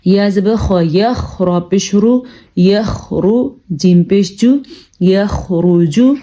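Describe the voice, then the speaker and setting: Woman teaching Quran reading, mellow voice. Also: medium pitch. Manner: explains briskly, then reads syllables slowly and deliberately; calm instructive tone, addresses listeners as "janab". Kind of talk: tajweed lesson, spelling out syllables.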